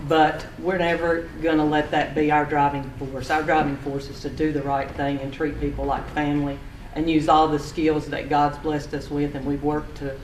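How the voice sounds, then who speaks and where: Steady-voiced man, echoey and distant. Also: on the high side, normal speed, few pauses. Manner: earnest, steady, faith-minded. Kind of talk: closing public remarks. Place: county meeting hall. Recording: echoey hall, distant mic, faint hiss.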